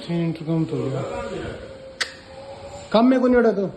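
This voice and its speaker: This CCTV-installing vlogger has a fairly high, mellow voice with a certain flavour, big pitch swings and a slightly slow pace. He addresses viewers casually from work sites, chatting and explaining informally while he works. There's clear background noise from the location, traffic included.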